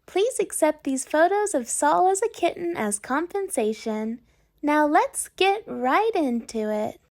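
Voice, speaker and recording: Young woman, extremely high voice, animated intonation, scripted host intro, tongue-in-cheek. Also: measured pace. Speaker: commentary channel host.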